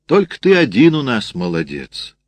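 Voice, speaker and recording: A man voicing a rough but kindly woman sutler with the soldiers, teasing and talkative. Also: mid-range voice, huge pitch swings, moderate pace, no echo, voice pushed up. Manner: teasing, chatty.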